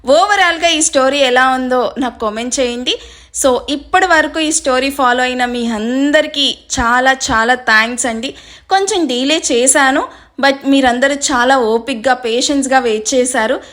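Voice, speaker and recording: A woman's voice: sits high, normal speed, a bit bright. A woman narrating a serialized romance story and chatting with listeners at the end. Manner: chatty, friendly toward listeners.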